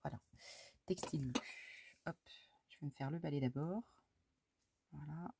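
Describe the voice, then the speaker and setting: This scrapbooking vlogger from France has a low-pitched, gravelly voice and talks a little slowly. She mumbles to herself, exclaims over small blunders, and affectionately addresses her cat between steps. Background noise can be heard.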